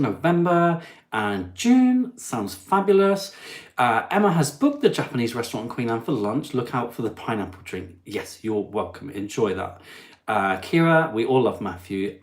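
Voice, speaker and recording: A man's voice: on the low side, reverberant. Chatty man hosting a live stream. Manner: chatty, warm and self-deprecating, easily touched. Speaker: host. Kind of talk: live stream chat reading comments. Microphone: phone.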